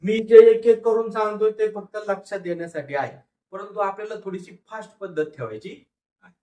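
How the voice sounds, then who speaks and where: A man with a high-pitched, dark-toned voice leads a phonics lesson, slowly pronouncing and repeating each word for the class to read along. The recording is distant and picks up an echoey room.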